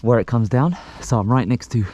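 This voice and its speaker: Working on a renovation, this vlog host thinks aloud in a casual, unscripted narration of the hands-on job. His mid-range voice is mellow and fairly quick, and clicks and noise run through the home recording.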